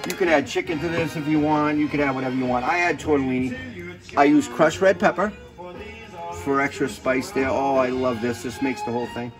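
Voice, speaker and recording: A man's voice: mid-range voice, a little fast, over music, poor audio. Rambling, profane cooking host, a man. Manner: rambling, joking, swears freely, drifts into stories. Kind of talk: casual cooking demonstration chat.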